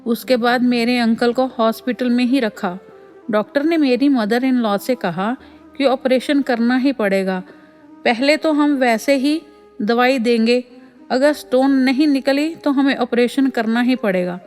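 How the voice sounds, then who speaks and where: A woman's voice: fairly high pitch, a little slow, darkish tone, soft background music. A woman reading a devotee's first-person story as a voice-over, often addressing listeners as sangat ji. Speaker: voice-over reader of devotee satsang stories.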